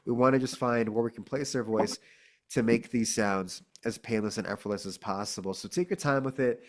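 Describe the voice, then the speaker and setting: A man's voice: mid-range voice, fairly quick. A man teaching a casual one-on-one singing lesson, laid-back and encouraging, calling his student "dude" and "man". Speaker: vocal coach.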